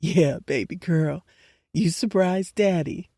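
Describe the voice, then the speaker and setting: A tough father choked with emotion, as a woman narrator puts him on, low and steady while he holds back tears. The delivery is mellow and dark, and it sounds dry and close. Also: takes it slowly, no room sound. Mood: tender.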